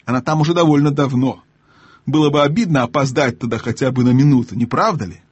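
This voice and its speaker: A man's voice: mid-range voice, fast talker, husky, no room sound, muffled recording, close to an everyday voice. A man doing pompous old sorcerer Uncle Andrew. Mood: mocking. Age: older. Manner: pompous, haughty, lecturing. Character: pompous old male sorcerer-scientist, cowardly and scheming.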